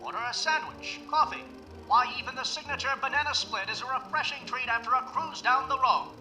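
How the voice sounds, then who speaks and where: A man playing a peppy 1930s newsreel announcer, narrating in a brisk, showy promotional way over faint music. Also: very high-pitched, low-quality recording. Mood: upbeat promotional.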